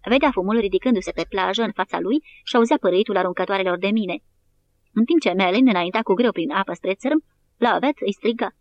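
A woman narrates an audiobook at a steady, even pace in a mid-range voice. A faint hiss sits under her reading. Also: mid-range voice, dull audio. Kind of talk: scripted narration.

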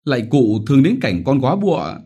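Desperate poor widow, wailing, pleading, raised pitch, husky, played by a man, audiobook. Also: big pitch swings, brisk, dark tone.

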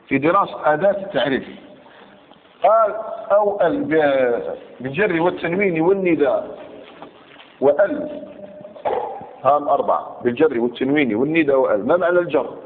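Man teaching grammar. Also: on the high side. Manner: repeats key points and checks understanding with questions. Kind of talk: classroom lesson on grammar. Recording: tinny lo-fi recording with long hall reverb.

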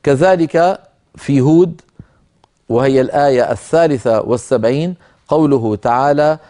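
A middle-aged man teaching a Quranic reading rule, explaining in a calm, measured way and slowly chanting verse quotations. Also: mid-range voice. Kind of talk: lecture on a tajweed poem.

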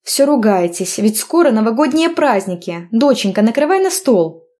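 A woman's voice: a little high, very animated, moderate pace, warm tone, pitched above the performer's own voice. A woman doing a fussing caring mother. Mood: fussy. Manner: fussy, caring reminders. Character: caring middle-aged mother.

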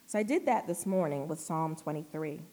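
A middle-aged woman preaching a sermon in an earnest way, reading scripture slowly and emphatically. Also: sits low, warm tone. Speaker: lay preacher giving the sermon.

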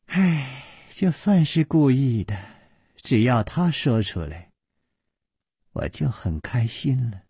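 Gentle, frail young woman, soft and half-whispered, husky, voiced by a man. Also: mid-range voice, big pitch swings, takes it slowly, pauses often, dry recording, exaggerated voice.

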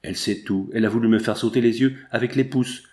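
A man reading an audiobook and voicing a hot-tempered Irish gold prospector, loud and exclaiming in a raised voice. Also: medium pitch, steady tone, quick pace, lightly acted. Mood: indignant.

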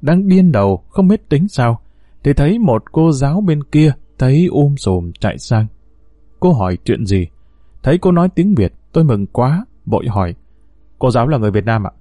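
Warm-voiced man narrating a ghost story. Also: medium pitch, sing-song, normal speed, no echo. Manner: tense, earnest storytelling.

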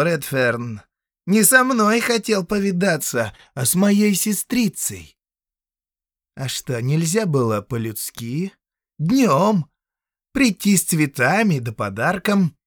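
A shrieking spoiled young count. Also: male voice, sits high, fairly bright tone, no echo, studio quality, voice pushed up, full character voice. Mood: sneering. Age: young adult. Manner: shrieking, ranting. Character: spoiled young count, hot-tempered and shrill.

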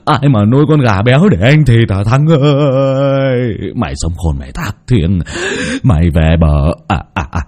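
A man's voice: medium pitch, animated, dark tone, lightly acted. A man doing a young rogue wailing fake grief. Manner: theatrical wailing, drawn-out cries.

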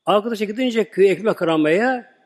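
A man's voice: high voice, animated, quick pace, in a large hall. A man preaching a sermon, earnestly telling a religious story and acting out its dialogue for the congregation.

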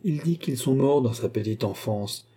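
A man's voice: medium pitch, animated, moderate pace, warm tone, close to an everyday voice. A man voicing a sensible male police officer who answers the magistrate deferentially.

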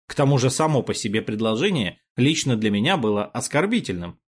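A man narrating a first-person audiobook in a wry, expressive storytelling manner. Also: medium pitch, a little fast, husky.

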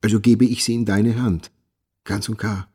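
An actor playing a brooding, anxious male writer in a radio play, speaking quietly and with measured melancholy. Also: on the low side, steady tone, slightly rough, dry recording, clean studio sound.

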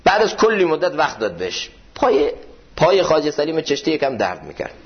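A male preacher gives a sermon in a mosque, pressing his points with emphatic runs of parallel phrases. His voice sits a little high for a man. The recording sounds dull and muffled. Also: wildly swooping pitch. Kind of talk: sermon commentary on classical poetry.

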